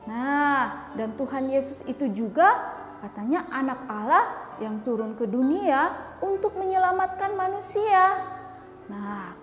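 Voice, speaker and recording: A woman teaching Sunday school, telling a Bible story to children in a lively way and asking them questions. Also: a little high. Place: church hall. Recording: echoey church hall, faint music.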